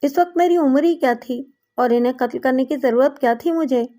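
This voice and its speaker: Woman reading hot-headed young guy in an audiobook, pleading, high voice. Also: mellow, close to an everyday voice. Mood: anguished. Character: young man, tormented, hot-tempered elder brother.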